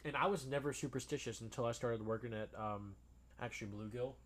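A young man co-hosting a podcast, chatting casually in a relaxed, rambling way with lots of fillers. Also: medium pitch, brisk. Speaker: podcast co-host. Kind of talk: casual chat.

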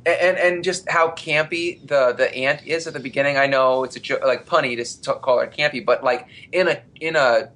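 Bright, wry man in casual chat. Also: medium pitch, brisk, few pauses. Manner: wry, offhand, swears casually. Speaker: podcast co-host. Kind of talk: casual movie review chat.

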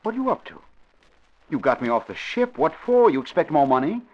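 An actor playing a haughty, suspicious gentleman smuggler with an exaggerated, affected British accent in old radio drama. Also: on the high side, very animated, brisk. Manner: affected, plummy. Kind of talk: 1930s-40s radio crime drama acting. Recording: dull old radio recording.

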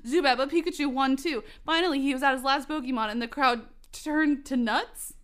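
A woman's voice: high voice, fairly quick, fairly bright tone. Giggly young woman reading aloud. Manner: giggly, breaks up, comments on the text. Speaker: host reading a fan story. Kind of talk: comedic dramatic reading.

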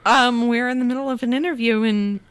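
A young woman from Iowa with a fairly high voice chats on a podcast. She is upbeat, laughs often, and speeds up in quick bursts. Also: fairly even intonation, clean tone. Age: young adult. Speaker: podcast guest, agriculture storyteller. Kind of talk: casual interview chat.

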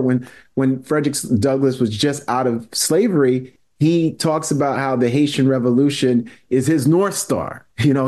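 A man's voice: mid-range voice, mellow. A man from New York City, a guest historian on a podcast, explaining in an earnest, lecturing way with frequent restarts. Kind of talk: podcast conversation.

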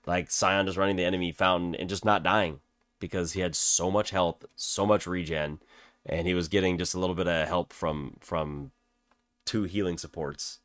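A man's voice: low voice, fairly even intonation, moderate pace, fairly bright tone. A man co-hosting a casual podcast chat, laid-back, swearing freely and laughing often. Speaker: podcast co-host.

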